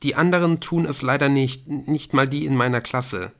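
A man reading an audiobook, voicing an anxious schoolboy who pleads in a hushed, timid voice. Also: medium pitch, moderate pace, voice pushed up, natural voice. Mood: pleading.

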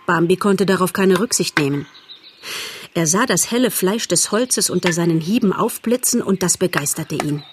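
A woman reading an audiobook aloud as narrator in a calm, measured storytelling manner. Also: lowish voice, a little hiss or hum.

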